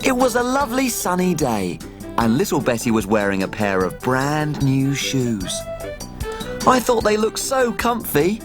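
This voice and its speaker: A man's voice: on the high side, huge pitch swings, unhurried, music in the background. A man playing a tiny, cheerful, eager little cook in a children's show, with an exaggerated, enthusiastic sing-song delivery. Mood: storytelling. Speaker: children's TV presenter. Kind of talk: playful children's show presenting and storytelling.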